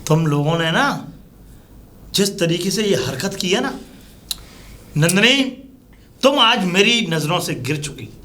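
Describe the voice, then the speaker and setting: Brief: an actor as a scolding, defensive husband, bright voice that swings widely in pitch. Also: male voice, very animated, slow, pauses often, full character voice. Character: angry neglectful husband, adult man. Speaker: elder brother and husband. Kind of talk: low-budget Hindi short drama acting.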